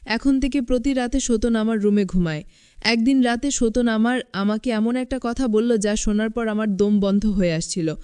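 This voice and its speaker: A woman narrating a scripted first-person story in an even storytelling manner. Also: a little high, normal speed, smooth, dry recording, studio quality.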